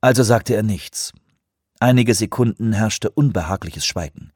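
Husky low-voiced male narrator. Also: measured pace, a little mellow, no echo, studio quality. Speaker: audiobook narrator. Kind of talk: scripted narration.

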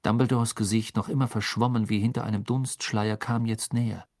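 A man narrating an audiobook in a measured storytelling manner. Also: on the low side, fairly even intonation, a little mellow, no room sound, clean studio sound. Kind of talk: scripted narration.

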